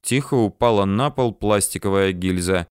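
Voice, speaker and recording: A man narrating an audiobook in an expressive, dramatic reading. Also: on the low side, moderate pace, smooth, dry recording, studio quality.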